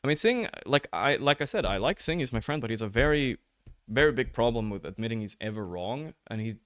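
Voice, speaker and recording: A man's voice: medium pitch, lively intonation, a little fast, a bit bright, clean tone. A man streaming to his chat, frustrated, repeating "like, bro" and swearing freely while he reviews a match recording. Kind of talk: casual chat to stream viewers. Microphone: headset or desk mic, turned up high.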